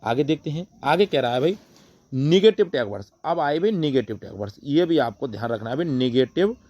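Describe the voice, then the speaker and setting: A man's voice: mid-range voice, expressive, brisk, a little mellow, dull audio. A man teaching an online exam-prep lesson, repeating key terms, asking rhetorical questions and answering them himself. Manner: repetitive, rhetorical questions, calls listeners brother.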